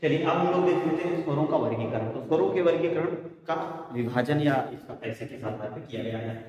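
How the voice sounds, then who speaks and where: A man's voice: fairly high pitch, fairly quick, darkish tone, dull audio. A male teacher giving a classroom lecture, asking questions and answering them himself, repeating key words in a sing-song way. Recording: echoey room from far off.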